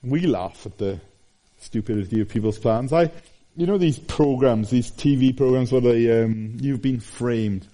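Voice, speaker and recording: A middle-aged man preaching a sermon, animated, with his voice rising and falling for emphasis. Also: medium pitch, unhurried.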